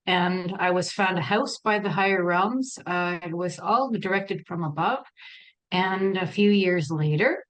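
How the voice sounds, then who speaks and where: A woman's voice: on the low side, low-quality recording. A middle-aged woman from Canada, answering as an interview guest in a matter-of-fact way. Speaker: guest, school co-founder.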